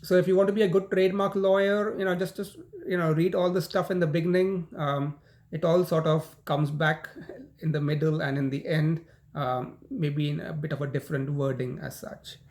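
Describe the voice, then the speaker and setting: In this recorded university lecture, an Indian-accented law teacher with a somewhat high but darkish male voice walks his students through the material. His manner is loose and chatty, full of false starts, repeated words, "um" and frequent "you know."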